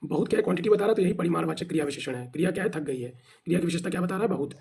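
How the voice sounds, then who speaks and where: A Hindi teacher with a fairly high, darkish and slightly rough voice runs an exam practice class at rapid-fire speed. He explains by posing questions and answering them himself, at times spelling words letter by letter.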